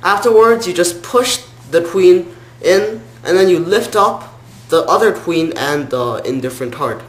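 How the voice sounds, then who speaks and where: A man's voice: high-pitched, expressive, unhurried, a bit bright. A man giving an informal step-by-step card trick tutorial as a magician, sometimes correcting himself. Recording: roomy, echoing sound.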